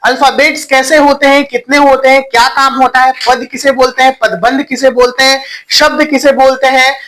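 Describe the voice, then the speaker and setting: A man's voice: very high-pitched, flat delivery, moderate pace, fairly bright tone, slight background noise, low-quality recording. A man teaching a Hindi grammar class online. He asks the students questions, answers them himself, repeats key points and mixes in English words. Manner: stretches vowels while demonstrating sounds.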